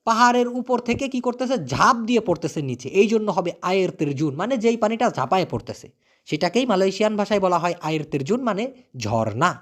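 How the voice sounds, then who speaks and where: A man from Bangladesh teaches a casual spoken lesson. His voice swings widely in pitch. He repeats every word, asks his own questions and answers them, and throws in jokey asides. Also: fairly bright tone. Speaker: language teacher.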